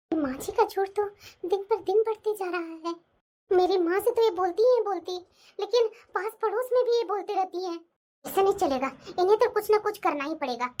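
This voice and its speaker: A woman's voice: extremely high pitch, darkish tone, slight background noise. A woman voicing a young, clever daughter-in-law who mutters asides and speaks politely to her mother-in-law. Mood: plotting. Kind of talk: cartoon voice acting.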